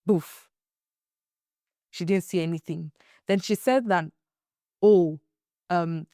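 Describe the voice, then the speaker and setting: A young adult woman hosting a faith-based podcast, telling stories in a casual, animated way and acting out the quotes. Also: mid-range voice, dry recording, clean studio sound. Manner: animated storyteller, acts out quotes, emphatic repeats. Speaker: podcast host.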